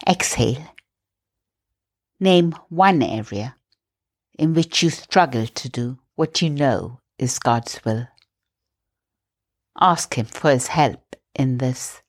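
Low calm woman leading a breathing prayer, takes it real slow. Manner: slow, soft, calm guiding. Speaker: meditation host. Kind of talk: guided prayer meditation.

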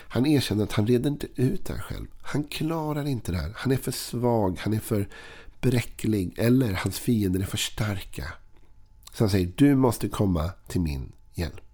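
A middle-aged man giving an earnest, slow-paced daily devotional with occasional chuckles. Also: low-pitched, dark tone. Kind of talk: devotional talk.

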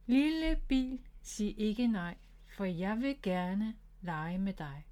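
A woman's voice: mid-range voice, animated, mellow, natural voice. A woman voicing an eager young boy rabbit who is learning magic, in a storybook read-aloud.

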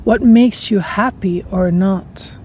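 With a medium-pitched voice and a little background noise, a woman hosting a podcast muses through a long, reflective spiritual monologue. She speaks slowly, laughing softly and repeating phrases that trail off.

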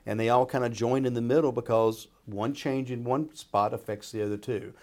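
A man's voice: mid-range voice, steady tone, normal speed, a little mellow. A man speaking as a financial expert, explaining in an informal, folksy way and checking in as he goes. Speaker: retirement planner and radio show expert. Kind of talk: conversational explaining.

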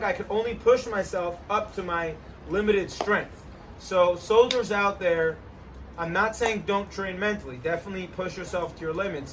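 A man hosting a casual outdoor chat, giving energetic, joking fitness advice beside an ice bath. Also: high voice, recorded from a distance, slight background noise, low-quality recording. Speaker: host, trainer.

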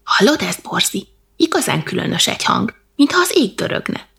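A woman's voice: medium pitch, very animated, creaky, fairly bright tone, slightly rough, exaggerated voice. A woman voicing a curious, brave little boy in a children's storybook. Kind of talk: storybook character voice.

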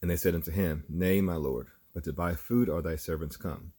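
A man reading scripture aloud in a measured, even way. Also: low-pitched, slightly rough. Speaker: scripture reader.

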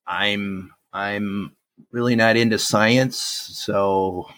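A man with a gravelly, raspy voice from a strained throat, co-hosting a casual podcast in short, halting phrases. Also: fairly low pitch, fairly even intonation, a bit bright, no echo. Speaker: podcast co-host.

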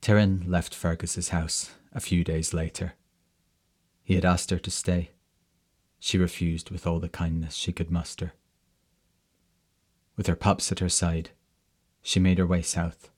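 A man telling a folk tale in a slow, measured way. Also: low-pitched, a little mellow, husky. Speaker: storyteller. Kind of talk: storytelling narration.

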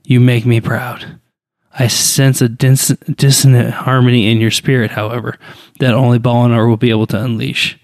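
A man as a calm, fatherly old mentor. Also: medium pitch, normal speed, dry recording, studio quality, natural voice. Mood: tender. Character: wise, proud older male mentor and father figure.

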